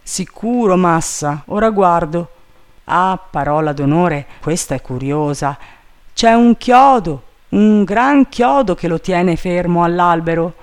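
A man voicing an eager, simple-minded male servant calling down from a tree, in a high, drawling, plaintive voice. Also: animated, takes it slowly, clean tone, heavily acted.

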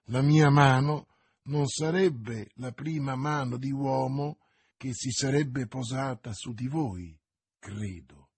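A man voicing a cold, contemptuous English baron who threatens his captive in an icy, sneering, deliberate way in an audiobook. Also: mid-range voice, husky, no echo.

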